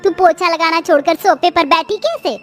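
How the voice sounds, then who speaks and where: A woman's voice: very high-pitched, moderate pace, fairly bright tone, faint music behind. A woman voicing a harsh, taunting middle-aged mother-in-law in a cartoon story. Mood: scolding. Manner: taunting, scolding.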